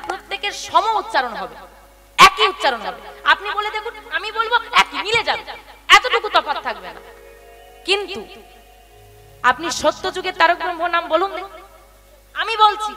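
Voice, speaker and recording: A woman kirtan singer and preacher giving a devotional sermon to seated listeners. She asks the crowd rhetorical questions, calls them "baba", and chants scripture verses in a sing-song lilt. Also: extremely high pitch. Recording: music playing behind speech. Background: devotional music.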